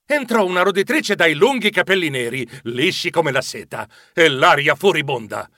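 Bright, lively storybook narrator man. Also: a little high, normal speed, dry recording, clean studio sound. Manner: expressive, flustered character voices.

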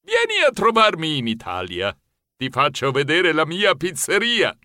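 A man voicing a genial, expert male mouse pizzaiolo who speaks slowly and solemnly in an audiobook. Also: on the high side, wildly swooping pitch, no echo, studio quality, exaggerated voice. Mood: friendly. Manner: slow, solemn, warmly assured. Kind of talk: audiobook character voice.

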